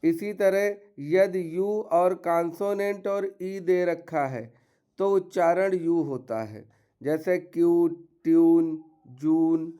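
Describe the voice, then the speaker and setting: Taking it slowly, a man with a high-pitched, mellow voice that is clear and resonant gives a classroom-style lesson on English pronunciation rules. He works through them step by step, listing example words.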